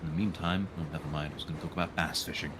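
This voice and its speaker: A man with a bass voice talks rapid-fire with fairly even intonation, background noise audible behind him. He's streaming a visual novel, reading it aloud live and slipping in casual, dry, irreverent jokes.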